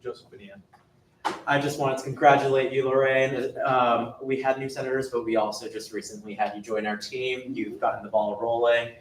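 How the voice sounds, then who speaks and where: A man's voice: mid-range voice, level tone, brisk. Young man chairing a meeting, echoey. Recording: echoey hall, far mic, faint noise.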